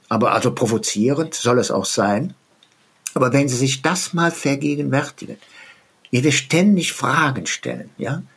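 A man speaking as an expert guest in a podcast interview, explaining in a deliberately provocative way and often checking in with "ja?". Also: mid-range voice, creaky, breathy edge.

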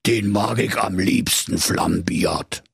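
A man's voice: slow, vocal fry, breathy edge, dry recording, studio quality, full character voice. A man voicing a greedy, smug fire-breathing dragon that talks in a gloating, jumpy way in a comic fairy-tale reading. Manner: gloating, with sudden high squeals.

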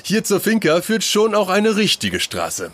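A hospitable plantation owner with a husky, slightly breathy voice that rises fairly high for a man. His pitch swings about a lot while he welcomes guests and patiently explains the farm in a storybook audio play. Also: wildly swooping pitch, measured pace, a bit bright, full character voice. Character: friendly adult male orange plantation owner.

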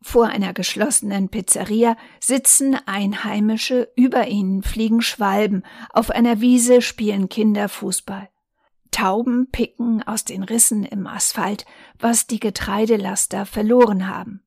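A woman reading a newspaper reportage aloud in a calm, measured way. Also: mid-range voice, gravelly, husky, dry recording, studio quality. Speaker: volunteer reader.

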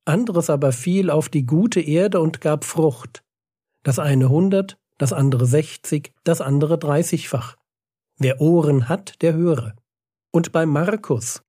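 A man's voice: on the high side, warm tone, no echo, clean studio sound. Earnest German man teaching the Bible. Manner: earnest, emphatic, reads Bible passages aloud.

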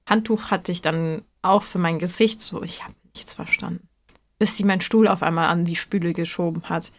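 A woman's voice: fairly low pitch, fairly even intonation, moderate pace. A young woman from Hamburg telling a story in casual chat, chatty and giggly. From Hamburg, Germany.

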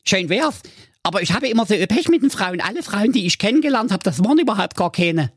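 Hapless young nerd, whiny and rushed, voiced by a male storyteller, raised pitch, lively. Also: slightly rough, no room sound, studio quality, exaggerated voice. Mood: sorry for himself.

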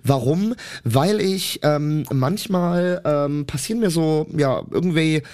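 A man's voice: on the high side, slow pace, clear, resonant tone. A man in his twenties co-hosting a podcast who tells an anecdote with lots of fillers. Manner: rambling, many fillers, animated anecdote. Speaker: podcast co-host. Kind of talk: casual chat storytelling.

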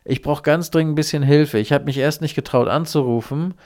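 A man voicing a male phone scammer who poses as a grandson and asks an old woman for money, pleading and loud. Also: on the high side, fairly quick, voice pushed up, lightly acted. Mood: urgent.

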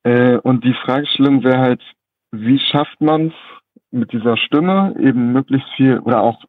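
A man's voice: mid-range voice, measured pace, dry recording. A twenty-year-old man heard over the phone, his voice thin and narrowed like a telephone line. The sound is dry and close, with no room around it. He talks hesitantly and fills gaps with many ums and uhs. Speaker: caller. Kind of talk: casual call-in chat.

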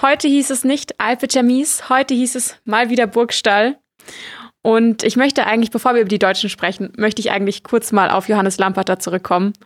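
A female co-host asking questions and leading into the next topic in a lively way. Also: mid-range voice, fairly quick, faint music behind. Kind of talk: podcast chat.

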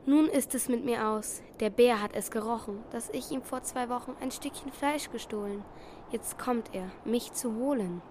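A woman's voice: sits high, expressive, unhurried, a little hiss or hum. A woman voicing a cold, pleading male red fox in a family reading of a rhymed storybook. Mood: fearful. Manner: whining, pleading rhymed lines.

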